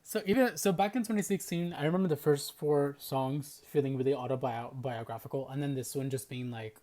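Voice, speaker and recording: A man talking through an album in a home-style reaction video, with a mid-pitched, everyday voice. He is chatty and enthusiastic, and his sentences keep circling back on themselves with "like" and small restarts. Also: brisk. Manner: chatty, full of "like" fillers, lively and enthusiastic. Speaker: music reaction reviewer. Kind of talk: casual album reaction commentary.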